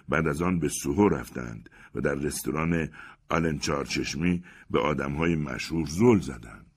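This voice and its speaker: A man narrating an audiobook story with expressive storytelling. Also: very deep voice, husky. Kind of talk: scripted narration.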